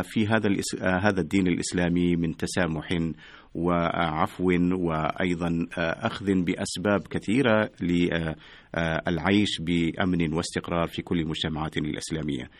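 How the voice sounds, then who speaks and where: A man hosting a live radio programme in formal standard Arabic, often pausing on drawn-out hesitations. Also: sits low, dry recording. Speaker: radio host. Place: radio studio.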